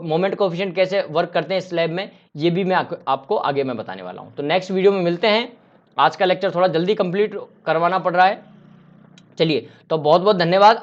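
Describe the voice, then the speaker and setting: Guy teaching civil engg online, kinda high voice, keeps asking then answering himself, muffled laptop audio. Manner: chatty, asks and answers his own questions. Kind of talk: casual online lecture. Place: home room during a power cut. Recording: slightly dull lo-fi audio.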